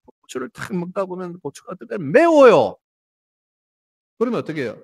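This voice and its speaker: A man's voice: high voice, fairly quick, gravelly, slightly rough. A Korean man preaching a sermon as pastor, acting out complaining voices in his examples. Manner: animated, acts out complaining voices. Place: church.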